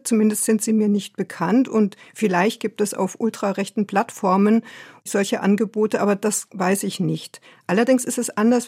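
A woman's voice: medium pitch, darkish tone, slightly rough. A woman literature professor answering an interview question thoughtfully, with careful hedges. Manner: thoughtful, hedging.

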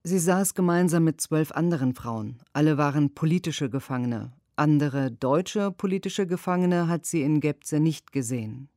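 A woman's voice: sits low, moderate pace, hardly any pauses, warm tone, dry recording. Earnest female voice-over for a lawyer's answers, dry and close. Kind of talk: read translated interview answers.

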